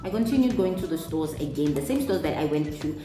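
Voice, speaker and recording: A young adult beauty vlogger with a South African accent chats quickly through her makeup routine in a get-ready-with-me storytime. Her voice is somewhat low but rises animatedly when she replays conversations, and it echoes around the room with music playing behind her.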